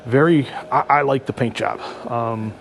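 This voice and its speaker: A man giving a casual, unscripted car dealership walk-through as a vlogger, halting and thinking aloud as he looks around. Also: mid-range voice, fairly even intonation, vocal fry, low-quality recording. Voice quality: talking through a face mask indoors. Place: car dealership, showroom then outdoor lot. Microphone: microphone with a furry windscreen. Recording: handheld vlog with background ambient noise.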